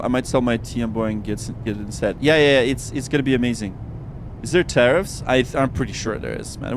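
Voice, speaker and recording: Guy streaming a flight sim, chatty, repeats himself a lot, some cockpit noise behind him. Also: medium pitch. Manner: repeats words and phrases often. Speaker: livestream host. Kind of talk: casual flight-sim livestream chat.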